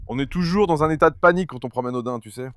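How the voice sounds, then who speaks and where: A man's voice: fairly high pitch, racing, a bit bright. A man talking casually to camera while handling his dogs on a farm, coaxing and calling them. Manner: coaxing, calls dogs repeatedly. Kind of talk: casual vlog talk to camera. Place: outdoors on a farm with animals.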